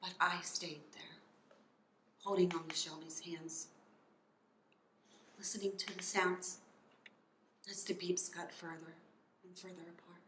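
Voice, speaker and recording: Woman playing steadfast grieving mother, middle-aged, breathy, halting and emotional, film-style monologue, roomy with faint background noise. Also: lowish voice, flat delivery, fairly bright tone. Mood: sorrowful, hushed. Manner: halting, emotional, intimate delivery. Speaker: actor performing a monologue. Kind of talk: dramatic monologue.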